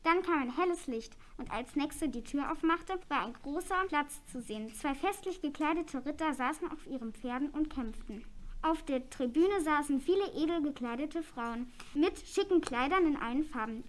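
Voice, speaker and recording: A woman reading a children's story aloud in a plain, even way. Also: high-pitched, moderate pace.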